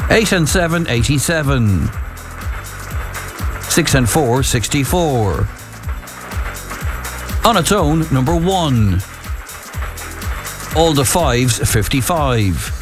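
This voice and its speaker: An Irish man working as a radio bingo caller, reading numbers out in measured, formulaic calls. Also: medium pitch. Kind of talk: bingo calling, reading numbers digit by digit then whole. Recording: music bed behind the voice.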